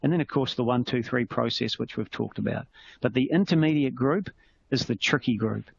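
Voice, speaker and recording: A man's voice: mid-range voice, brisk, creaky. A man with a New Zealand accent, giving a conversational medical teaching webinar and explaining with everyday analogies. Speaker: clinician presenting a webinar. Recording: slightly muffled with faint noise.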